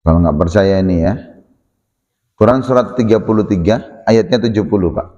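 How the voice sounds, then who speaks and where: A man preaching to a mosque congregation. He talks in a lively way, acts out questions from his listeners and slips in jokes. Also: lowish voice, moderate pace, muffled recording. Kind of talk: mosque sermon. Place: mosque hall. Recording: long reverb of a mosque hall.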